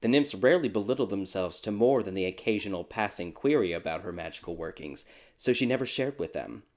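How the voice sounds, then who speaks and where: A man narrating a dark fairy tale in a measured, even storytelling manner. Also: fairly low pitch.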